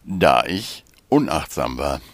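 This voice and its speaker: A man voicing a calm middle-aged spiritual guide who explains things slowly and patiently. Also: a bass voice, no room sound, voice pushed down, exaggerated voice. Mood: calm explaining. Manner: slow, measured, gently explaining.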